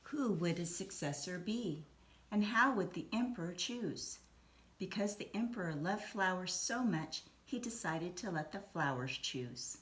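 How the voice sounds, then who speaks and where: In a roomy recording with a bit of background noise, a woman reads aloud from a children's story. Her pitch is fairly low, and she tells it expressively and with deliberate pacing.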